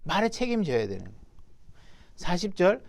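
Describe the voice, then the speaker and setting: A man's voice: high-pitched, wildly swooping pitch, moderate pace, creaky. A man preaching a sermon as pastor, talking conversationally and putting rhetorical questions to his congregation. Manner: reads scripture aloud, then acts out its speakers.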